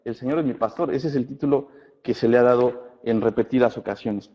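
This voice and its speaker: A man teaching a church Bible study class, often checking in with his listeners and reading scripture aloud slowly. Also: medium pitch. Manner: addresses listeners as brothers, asks checking questions. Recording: muffled recording in a reverberant hall.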